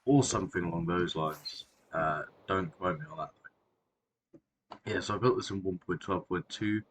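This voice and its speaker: In casual gameplay narration, a deep-voiced Minecraft creator with a sore throat rambles at normal speed, keeps correcting himself and uses lots of fillers. He clears his throat and coughs along the way, over slight background noise.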